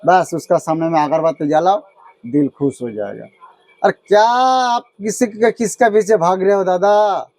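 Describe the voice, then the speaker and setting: Idol-shop owner, male, Chhattisgarh accent; high voice, dry sound; earnest, repeats himself. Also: measured pace, darkish tone, dry recording. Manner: earnest, repetitive, insistent. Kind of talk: casual interview. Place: idol workshop.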